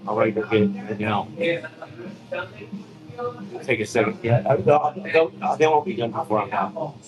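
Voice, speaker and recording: Easygoing man chatting over loud music. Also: medium pitch, a little slow, poor audio. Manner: easygoing, trails off mid-sentence. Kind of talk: casual banter.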